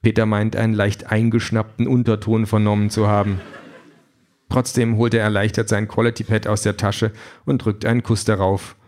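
A man with a low voice reads a comic story aloud as audiobook narrator. His storytelling is dry and even, with scripted delivery. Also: moderate pace.

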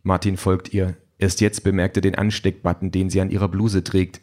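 A man narrating a story in an even, measured reading voice. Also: low voice.

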